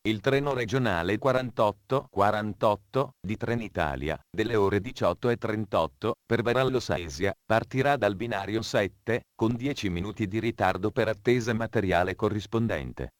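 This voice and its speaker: A man reading scripted train station announcements in a formal, measured way. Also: lowish voice, no echo, clean studio sound.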